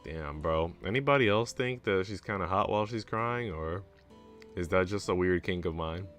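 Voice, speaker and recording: A man streams a visual novel, chatting in a slangy, rambling way between the bits he reads. His voice sits low and sounds animated and a bit bright at normal speed, with game music in the background.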